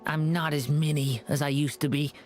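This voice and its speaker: A man's voice: on the high side, steady tone, normal speed, lightly acted. A man voicing a shy, earnest young dragon boy in a video game, speaking politely and a little hesitantly.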